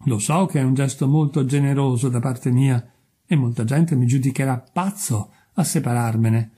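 A man's voice: mid-range voice, normal speed, warm tone, husky, natural voice. A man playing a smug, pompous miller. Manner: pompous and self-righteous.

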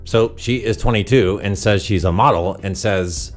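A man's voice: lowish voice, normal speed, soft background music. A man hosting a commentary show, reading dating profiles aloud in a sarcastic, mocking, blunt way. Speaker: host of a dating commentary channel.

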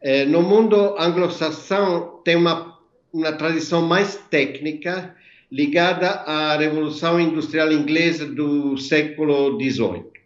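A native Italian speaker in his sixties from Italy, an architect and designer with an Italian accent and a rather high voice, appears as an interview guest over a video call, explaining things in a measured, methodical way. He's in an indoor workroom, and the call audio is echoey and dull.

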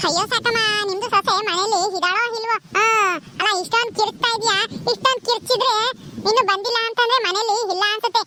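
A woman playing a nosy village neighbour who fusses and exclaims with quick questions in a comedy skit. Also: extremely high pitch, sharp tone, slight background noise. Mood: urging.

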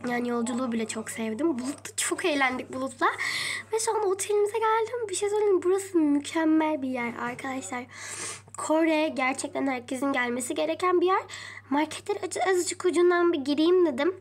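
High-pitched woman, chatty game role-play vlogger, talks straight to viewers. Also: a little fast. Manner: chatty, addresses viewers often, mild swearing. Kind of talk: narrating a pretend trip vlog in a game.

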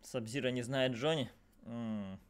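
A man's voice: medium pitch, measured pace, smooth. A man doing live fighting game commentary, slangy and exclamatory, repeating phrases for emphasis. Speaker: esports commentator. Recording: loud game music behind. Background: fighting game music and sound.

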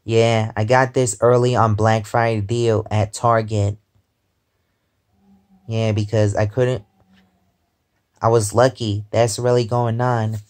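This twenty-five-year-old vlogger lies in bed at home, phone held close above his face, rambling through a casual chat and repeatedly saying "because, um." His voice sits on the low side and is darkish, with little pitch movement, a slow pace and frequent pauses.

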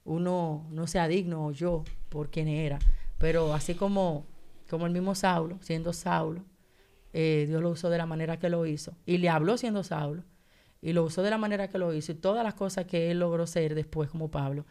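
On a radio talk show, a female guest shares an emotional personal testimony in a lowish voice at a moderate pace. She tells it with animation, acting out the dialogue as she goes.

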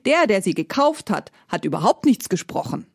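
A woman's voice: medium pitch, very animated, normal speed, gravelly, no echo, clean studio sound. A woman voicing a simple-minded male farmer who talks in a folksy, exclaiming way. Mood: naive.

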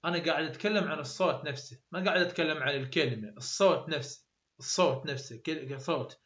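A man's voice: a little high, fast talker, a bit bright. Iraqi Arabic-accented man, lecturing tutor, repeats drill sounds; echoey, muffled recording. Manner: repeats example sounds over and over, plain explaining. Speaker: university English tutor. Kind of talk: explanatory lecture. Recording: roomy, dull lo-fi sound.

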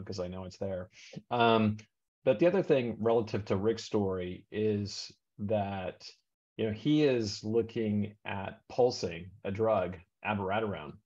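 A man's voice: low voice, a little mellow. A man speaking on a video call, rambling with many fillers and restarts. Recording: dull lo-fi call audio.

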